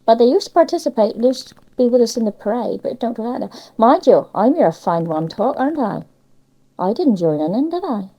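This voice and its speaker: This is a fairly quick, mellow, fairly high-pitched female voice with wide swings in pitch, captured on a low-quality recording. The speaker is an older woman from Cornwall, England, with a Cornish accent, chatting as an interviewee about local memories in dialect and leaning heavily on tag questions.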